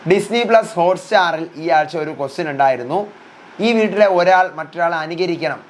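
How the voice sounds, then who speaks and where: A man's voice: fairly high pitch, animated, slight background noise. A young man recapping a reality show episode in casual, chatty speech, retelling what the housemates said. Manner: rapid chatty retelling, voicing housemates' quotes. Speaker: reality show reviewer, channel host.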